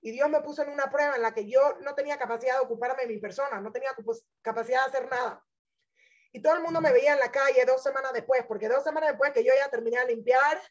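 A woman's voice: sits high, fast, highs cut off. A woman religious teacher telling her personal testimony in an inspirational talk, earnest and emphatic, speaking straight to her listeners.

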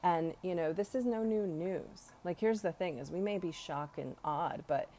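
A woman's voice: on the low side, moderate pace, mellow, slight background noise. A woman hosts a podcast, musing earnestly in a rambling, reflective monologue full of fillers. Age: 40s. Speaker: podcast host.

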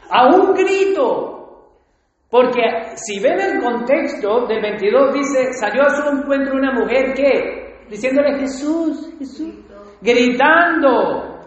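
A man's voice: sits high, a bit bright. A man preaching a sermon, often putting rhetorical questions to his congregation. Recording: echoey hall, dull lo-fi sound.

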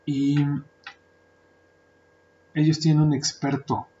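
A man's voice: on the high side, monotone, takes it slowly, warm tone, slight background noise. A man with a Mexican Spanish accent hosting a casual podcast monologue, chatty and joking, with lots of filler words. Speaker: podcast host, translator and interpreter. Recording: dull lo-fi sound.

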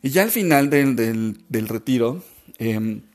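A male podcast host with a mid-range voice tells stories earnestly and with animation. He's halting and emotional, stumbling, repeating himself, and restarting often.

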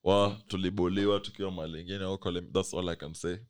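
A man's voice: low voice, fairly even intonation, fast talker, a little hiss or hum. A young man with a Kenyan accent chatting casually as a podcast co-host, mixing English and Swahili slang. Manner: slangy, code-switching between English and Swahili.

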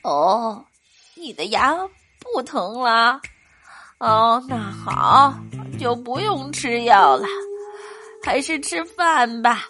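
A woman voicing a kindly old grandmother in a storybook, who is hard of hearing and speaks in a slow, lowered, soothing voice. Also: animated, pushed and bright, faint music behind, full character voice. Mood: fussing. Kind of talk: storybook character voice.

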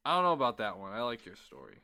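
A young man hosting a casual podcast chat with friends, slow-talking with loud joking bursts. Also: on the low side, wildly swooping pitch. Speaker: podcast host.

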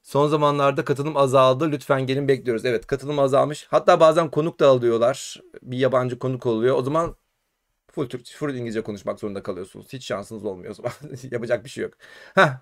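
A man from Turkey hosting a casual live-stream chat, animated and urging his viewers on. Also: medium pitch, fast talker. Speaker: host.

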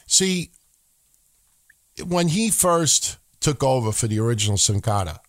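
A man co-hosts a wrestling podcast, chatting casually and animatedly while swearing freely. His pitch is medium and his pace unhurried, and he sometimes slips into joking broken-English voices.

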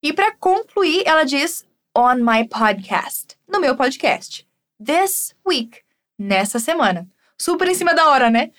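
High-voiced Brazilian woman teaching English slowly. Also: very animated, a bit bright. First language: Portuguese. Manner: slow, deliberate model phrases, then quick Portuguese explanations. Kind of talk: language lesson, repeat-after-me drills.

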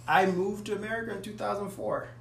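Brief: relaxed soccer player in his 30s, from Africa, chatty, off-mic in an echoey room. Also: high voice, fast talker, vocal fry. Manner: easygoing, many "you know" fillers. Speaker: soccer player being interviewed. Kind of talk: casual interview. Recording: roomy, distant mic with faint noise.

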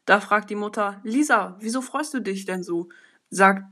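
A woman's voice: mid-range voice, moderate pace, a bit bright. A teenage girl reading children's jokes aloud without practice, stumbling over words and restarting, then commenting on each joke in casual slang. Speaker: joke reader.

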